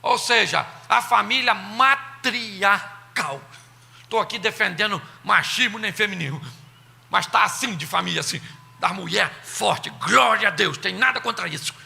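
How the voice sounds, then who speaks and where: A man with a Brazilian accent preaching a humorous sermon, animated and playful, sometimes shouting. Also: sits high, a little slow, gravelly. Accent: Brazilian Portuguese. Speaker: pastor. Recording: long reverb of a church hall.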